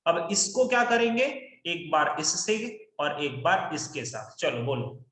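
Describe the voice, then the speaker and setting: A man's voice: a little high, big pitch swings, measured pace, fairly bright tone, roomy sound. A man teaching maths in an online class, coaxing his students to call out answers.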